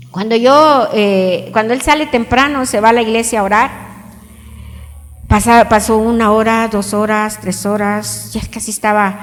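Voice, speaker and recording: A woman pastor at a women's retreat, telling a personal story, then preaching emphatically and putting questions to the audience. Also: fairly high pitch. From Mexico. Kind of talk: testimony and sermon at a women's retreat. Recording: reverberant hall with soft music behind.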